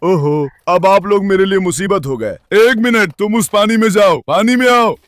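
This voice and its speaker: A man's voice: sits high, normal speed, fairly bright tone, no echo, studio quality. A young man casually talking on a vlog, coaxing and calling to his dogs. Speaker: vlogger with dogs.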